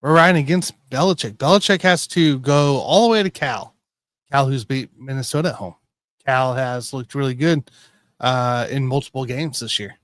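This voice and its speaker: A man hosting a casual sports betting show, rambling and correcting himself as he tells excitable stories. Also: medium pitch, moderate pace, dry recording, clean studio sound. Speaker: podcast host.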